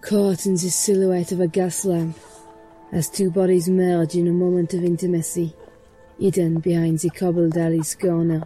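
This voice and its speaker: A woman reading a scripted first-person story in a hushed, measured way. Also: on the low side, level tone, faint music behind, poor audio.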